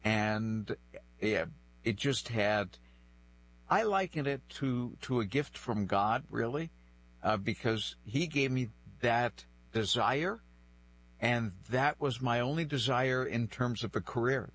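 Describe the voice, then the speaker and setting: Heard in a low-quality recording, a medium-pitched man with a fairly bright tone speaks at a measured pace. A native French speaker in his sixties from New Bedford, northeastern United States, he shares personal stories reflectively as a guest in a conversational interview.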